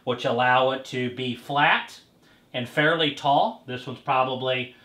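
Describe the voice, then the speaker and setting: Hosting a casual product demo in a bare-walled indoor showroom, a man in his thirties talks at a measured pace in a medium-pitched, pushed and bright voice. He explains as he goes, with fillers and restarts, and the recording is echoey.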